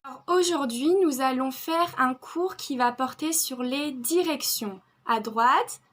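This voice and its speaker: A young French woman with a Bordeaux French accent, teaching vocabulary and repeating each word slowly and carefully. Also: sits high, a bit bright. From France. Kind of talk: online vocabulary lesson.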